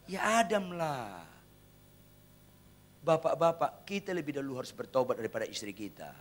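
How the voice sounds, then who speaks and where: A male pastor preaching a humorous sermon, teasing the congregation and swinging between loud punchlines and hushed asides. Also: medium pitch, big pitch swings, moderate pace. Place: church.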